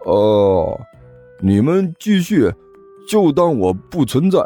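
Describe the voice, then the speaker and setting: A blank, slow-talking onlooker who drawls every word, as a male narrator puts him on. Faint music sits behind the voice. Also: mid-range voice, sing-song, warm tone. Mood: dazed. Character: dazed, slow-talking bystander.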